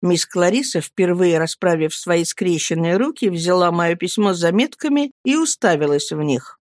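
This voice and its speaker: A woman narrating a classic novel as an audiobook reader, steady and expressive. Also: lowish voice, moderate pace, dry recording, studio quality.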